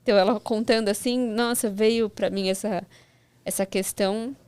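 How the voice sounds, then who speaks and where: A woman's voice: mid-range voice, steady tone, moderate pace, a little mellow, clean tone, no room sound. A woman, a mother, speaking as a guest in a casual chat, reflective and full of "né" tags, quoting others.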